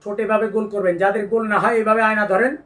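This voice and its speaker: A man teaching Quran pronunciation, patiently explaining each letter and drawing out the sounds slowly. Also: high-pitched, little pitch movement, a bit bright, distant mic. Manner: slow drawn-out demonstrations of letter sounds, patient instructions. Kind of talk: step-by-step pronunciation lesson.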